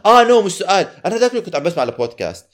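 A man's voice: high voice, sing-song, very fast. A man with a Levantine Arabic accent chatting casually as a podcast co-host, switching between Arabic and English mid-sentence.

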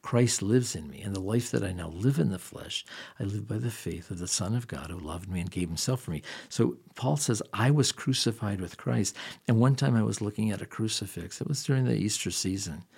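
A man's voice: fairly low pitch, fairly quick, gravelly, darkish tone, husky. A man preaching a sermon, reading scripture and speaking earnestly in a conversational way.

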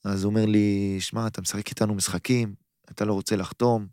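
A man's voice: on the low side, little pitch movement, warm tone, dry recording, studio quality. A man in his thirties, a footballer guest on a podcast, telling a story casually and acting out both sides of his phone calls.

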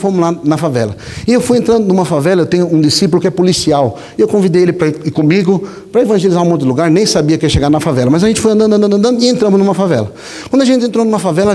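Pitched high, a male pastor preaches a sermon full of stories, animated and conversational, often tacking a rhetorical "né?" onto his lines. A long hall reverb trails his words.

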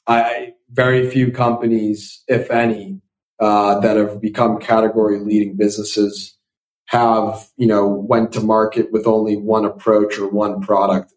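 A thoughtful young man with a slightly low voice, heard on a low-quality recording. He is a venture capital investor appearing as a guest, answering podcast interview questions, and he tends to repeat words as he begins sentences. His first language is Italian.

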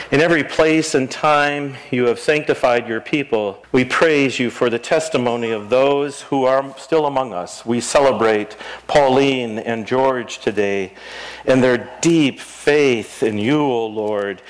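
A man speaking as a pastor, leading liturgical prayer in a solemn, measured, phrase-by-phrase way. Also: medium pitch, poor audio. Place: live church service before a congregation.

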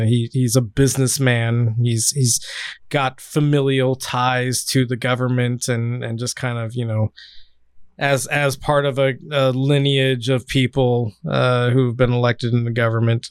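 A man's voice: mid-range voice, clear, resonant tone, no echo, studio quality. A man from California hosting a casual political podcast, sardonic and rambling, with many fillers. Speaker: podcast host.

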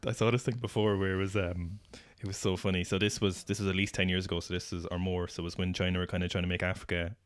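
Fast-talking low-voiced man. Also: flat delivery, clear, resonant tone, no room sound, studio quality. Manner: rambling, quick, many fillers. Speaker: podcast co-host. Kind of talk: casual chat.

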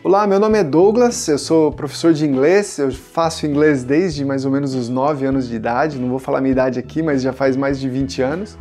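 A man's voice: medium pitch, brisk, few pauses, mellow, soft background music. A man in his thirties from Brazil, an English teacher giving a casual pronunciation lesson and coaching viewers to repeat words after him.

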